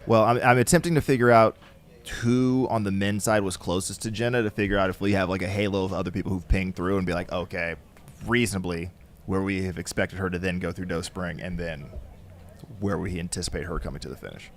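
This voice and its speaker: A man co-commentating a live trail race, analytical and measured. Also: deep voice, steady tone, a little hiss or hum.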